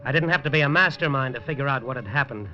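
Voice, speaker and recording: Soft music plays behind an animated, mid-range male voice moving at a quick pace, natural in tone. It belongs to an actor playing a tough newspaper reporter who narrates tersely and dryly, cracking wise, in a dull-sounding 1950s radio drama.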